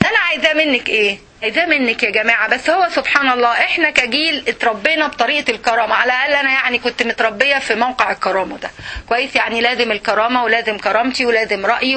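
Brief: Egyptian woman religious teacher, high bright voice, quick and animated delivery. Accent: Egyptian Arabic. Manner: animated, asks the class "okay?" often. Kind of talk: Islamic lesson to women.

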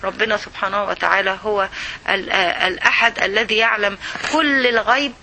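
A woman's voice: mid-range voice, steady tone, a little fast, pushed and bright, a little hiss or hum, low-quality recording. A woman with an Egyptian Arabic accent giving a religious lesson to women, often asking rhetorical questions and checking in with "okay?". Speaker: religious teacher.

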